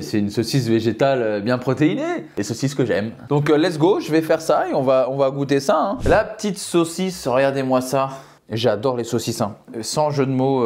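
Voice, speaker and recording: A man's voice: medium pitch, a little mellow. Chatty young Frenchman tasting food. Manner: chatty, joking, addresses viewers directly. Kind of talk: casual vlog with sponsor read.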